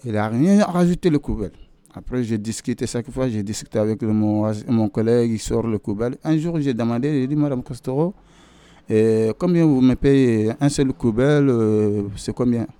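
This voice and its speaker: A man speaks with a warm, darker voice in a close, dry sound. He tells his story as a worker, acting out past arguments with lively emphasis and repeating key points. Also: mid-range voice, normal speed, clean tone, no room sound. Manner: animated, re-enacts arguments, repeats himself. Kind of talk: personal testimony.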